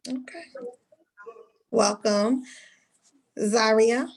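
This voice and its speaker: A woman's voice: fairly high pitch, drawn-out words, gravelly, breathy edge, poor audio. A woman hair school instructor leading an online orientation over a video call, calling on students by name in a friendly, directive way.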